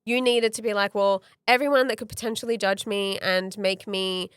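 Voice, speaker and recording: A woman's voice: mid-range voice, steady tone, normal speed, clean tone, dry recording, studio quality. A woman, a coach on a podcast, talking reflectively and acting out her own past thoughts. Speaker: guest coach. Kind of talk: casual interview chat.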